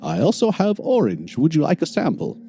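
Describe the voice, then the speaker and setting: Man as a high-voiced, fussy old shopkeeper. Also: wildly swooping pitch, fairly quick, mellow, soft background music. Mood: cheerful. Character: portly grandfatherly male shopkeeper, sugary to customers, bad-tempered.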